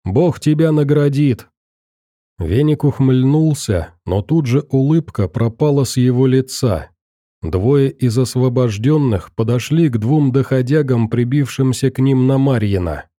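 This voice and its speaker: A man narrating an audiobook in a steady, measured way on a close studio mic. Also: mid-range voice, dry recording. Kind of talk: scripted narration.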